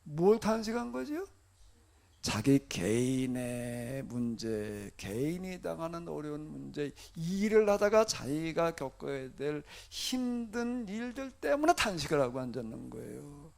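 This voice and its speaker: Gravelly, animated male pastor preaching. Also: a little high, normal speed, hardly any pauses. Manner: conversational preaching with rhetorical questions and acted-out laments. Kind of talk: sermon.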